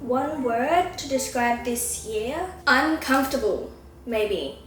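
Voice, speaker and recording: A woman's voice: on the high side, slow pace. A woman, chatting casually and self-consciously as she reacts to an old video of herself at home. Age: 20s. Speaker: vlogger. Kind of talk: casual reaction vlog chat. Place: apartment at home. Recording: roomy room with soft music.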